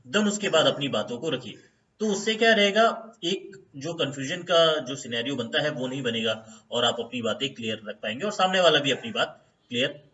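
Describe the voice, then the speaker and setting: A man in the role of an HR consultant talks viewers through workplace tips in a relaxed, chatty way, peppering his speech with "theek hai" and "uh." His voice is bright and forceful at a middle pitch, and he slows down to stress each step's English heading. The audio sounds somewhat dull and lo-fi. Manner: conversational, fills pauses with "theek hai" and "uh"; stresses English terms slowly when starting each step. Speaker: HR consultant, channel host. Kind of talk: informal lesson to camera.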